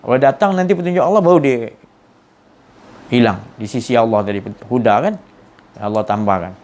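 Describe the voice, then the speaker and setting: A man's voice: medium pitch, fairly quick, darkish tone. A man giving an earnest religious lecture, often repeating and restarting words. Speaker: religious teacher.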